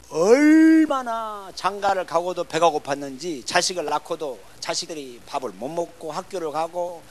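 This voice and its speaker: An older male revival preacher tells a story from the pulpit in a folksy, lively way. He slips into the voices of the people he quotes. His voice sits fairly high for a man. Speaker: revival pastor. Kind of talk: sermon testimony with acted dialogue.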